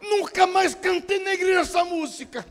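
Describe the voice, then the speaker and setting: A Brazilian man preaching a sermon as pastor, animated and humorous, acting out the prayers of churchgoers. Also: very high-pitched, normal speed. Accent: Brazilian Portuguese. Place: church hall. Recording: long church-hall reverb.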